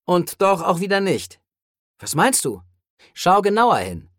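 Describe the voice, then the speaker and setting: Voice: medium pitch, big pitch swings, measured pace, fairly bright tone, no room sound, studio quality, voice pushed up. A narrator voicing a level-headed man who asks short, plain questions, in an audiobook reading.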